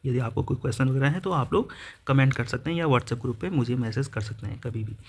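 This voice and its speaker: A man's voice: medium pitch, fast talker, breathy edge. A man teaching an exam-prep grammar lesson, explaining step by step through worked examples. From India.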